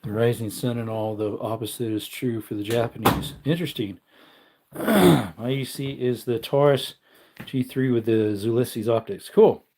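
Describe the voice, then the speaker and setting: A man in his thirties, unhurried and darkish in tone, rambles through a casual livestream from his man cave at home, reading out comments as viewers post them. He talks to his dog in a high, baby-talk voice.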